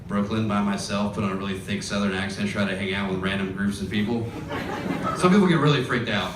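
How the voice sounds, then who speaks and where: A man's voice: on the low side, background noise. Wry man doing stand-up in a roomy club. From grew up in Georgia, US. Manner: wry, chuckles through punchlines. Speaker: stand-up comedian. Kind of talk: stand-up set. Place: comedy club stage. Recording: roomy club, far mic, loud crowd.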